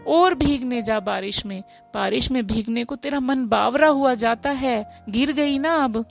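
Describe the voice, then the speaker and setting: A woman's voice: on the high side, measured pace, creaky, faint music behind. A woman doing a fussing, scolding mother. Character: strict, worried middle-aged mother, scolding. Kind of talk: storybook voice acting.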